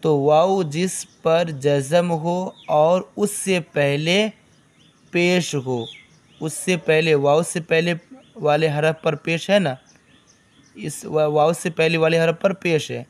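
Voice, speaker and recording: A man's voice: on the high side, steady tone, takes it slowly. A man teaching a beginners' recitation lesson. He explains step by step, asks his own questions and answers them, and drawls the long vowels as he recites. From South Asia.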